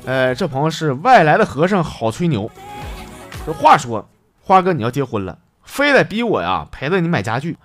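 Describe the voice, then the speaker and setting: Northeastern chinese guy cracking jokes on his podcast, bouncy pitch all over the place, music under it. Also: sing-song, moderate pace, a bit bright. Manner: chatty, teasing, laughs at his own jokes. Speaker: podcast host. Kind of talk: comic joke-telling monologue.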